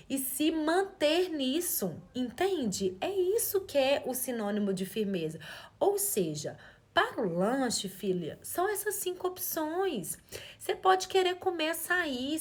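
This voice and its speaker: Earnest Mineira woman coaching parents. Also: sits high. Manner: earnest, coaching, asks the audience rhetorical questions. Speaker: parenting educator. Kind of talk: live-stream parenting talk.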